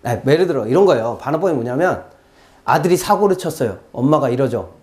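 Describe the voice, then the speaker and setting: Exam-prep lecturer, mid pitch with a very lively melody, who dramatizes quotes and asks rhetorical questions. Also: fast. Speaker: exam-prep literature teacher. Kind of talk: recorded classroom lecture.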